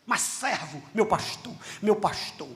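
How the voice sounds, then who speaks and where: A middle-aged man with a Brazilian Portuguese accent preaching a sermon as a pastor, telling stories with dialogue and rising to shouts. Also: sits high, slow pace. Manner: animated, shouting at peaks, storytelling with dialogue.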